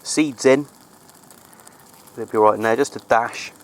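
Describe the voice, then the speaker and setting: Recorded on a handheld camera out in the countryside, with a little hiss or hum, this medium-pitched man speaks at a measured pace. The amateur CB radio vlogger chats casually, rambling easily through his outdoor hobby video.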